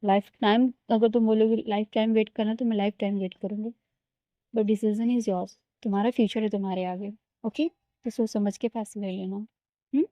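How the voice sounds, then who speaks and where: A woman storyteller voicing a quiet young woman who speaks softly and politely. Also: mid-range voice, fairly even intonation, normal speed, no echo, close to an everyday voice. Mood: reassuring. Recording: slightly dull lo-fi recording.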